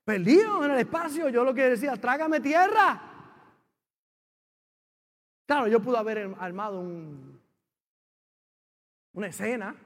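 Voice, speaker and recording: Un pastor con acento puertorriqueño que predica un sermón, contando su historia con mucha emoción, pasando de exclamaciones fuertes a frases en voz baja. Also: male voice, very high voice, animated, normal speed, long pauses. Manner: emotive storytelling, swings from loud exclamations to hushed lines. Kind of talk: sermon. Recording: reverberant church hall.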